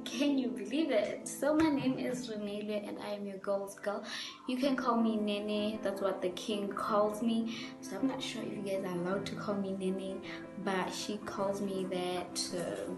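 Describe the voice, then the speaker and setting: A woman chatting excitedly to the camera in a casual vlog. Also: medium pitch, normal speed. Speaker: guest on vlog. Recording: roomy echo with music.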